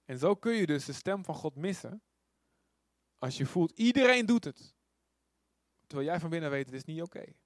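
A man's voice: on the high side, moderate pace, long pauses, no echo. A man preaching an informal sermon who often asks rhetorical questions and tells the story with animation. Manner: animated storytelling with acted quotes. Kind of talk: conversational sermon.

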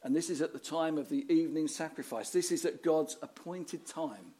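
Male preacher, raised-pitch voice, storytelling sermon delivery. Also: normal speed, dark tone. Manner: storytelling, rhetorical questions, dramatic reading of scripture.

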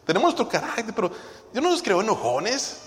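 A man's voice: high-pitched, big pitch swings, brisk, fairly bright tone. A male pastor, preaching a sermon and emphatically questioning the congregation in church. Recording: long reverb of a church hall.

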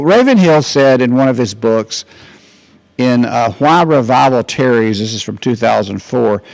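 An older man preaches in a loose, storytelling way. He often restarts his sentences, and his voice has a gravelly, creaky edge. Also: mid-range voice, darkish tone. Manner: rambling, anecdotal, many restarts. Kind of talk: informal sermon.

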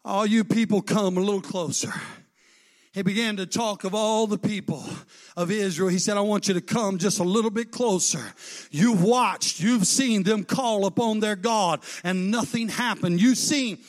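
A man's voice: high voice, moderate pace. A man preaching a fervent sermon, retelling a scripture story with dialogue and lifting into chanted, sung cadences at its peaks. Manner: retells scripture with dialogue, rising to shouted climaxes.

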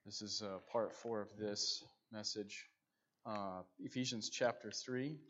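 A man's voice: fairly low pitch, fairly even intonation, unhurried, fairly bright tone, highs cut off. A male pastor at a pulpit microphone, leading a fervent prayer with repeated praise before his sermon.

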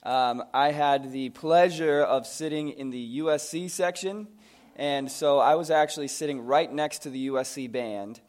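An American man with a hoarse, strained voice, worn out from screaming, gives a conversational sermon in an informal, joking, self-deprecating manner. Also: a little high, normal speed, a little mellow. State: hoarse from screaming the night before. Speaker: preacher.

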